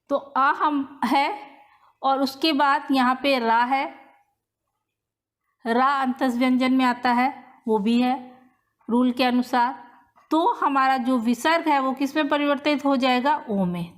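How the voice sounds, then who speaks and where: A woman teaching a grammar lesson, walking through each rule step by step and repeating key points. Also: sits high. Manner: slow, repetitive step-by-step explaining. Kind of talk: whiteboard-style grammar lesson.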